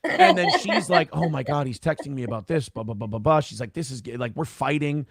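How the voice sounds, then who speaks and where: A man's voice: medium pitch, lively intonation, a little fast, fairly bright tone, breathy edge, no echo, clean studio sound. A man telling a long personal story on a live call-in show, casual, profane and rambling. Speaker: guest telling his story.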